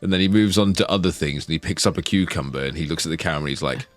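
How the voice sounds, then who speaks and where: A man's voice: extremely low pitch, rapid-fire, no echo, faint music behind. A man co-hosting a casual chat show, telling rambling stories full of swearing and quoted voices. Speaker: podcast co-host.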